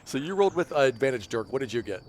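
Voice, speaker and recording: A man running a tabletop game as dungeon master, his voice sitting at a middle pitch. He describes the scene in a relaxed, rambling way, with lots of "like" and "you know" along the way. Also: racing, slight background noise. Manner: casual, loose narration with many fillers.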